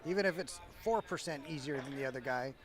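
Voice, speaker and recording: A man's voice: mid-range voice, fast. A man commentating a pool match in casual live chat, talkative and teasing. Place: busy convention hall by a pool tournament. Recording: live event with crowd noise and music.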